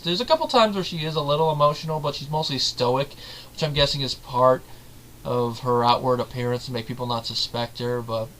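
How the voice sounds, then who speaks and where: A man's voice: mid-range voice, bright, forceful tone, slight background noise, rough recording. A man giving a casual, rambling film review, often correcting himself mid-sentence. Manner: rambling, self-correcting, chatty.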